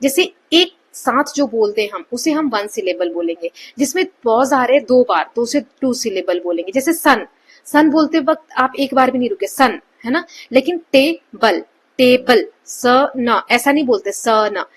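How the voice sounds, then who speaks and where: Breathy Indian woman teaching a lesson. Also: on the high side, lively intonation. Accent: Indian English. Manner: explains slowly line by line, checks in with "है ना". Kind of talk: explaining a textbook lesson.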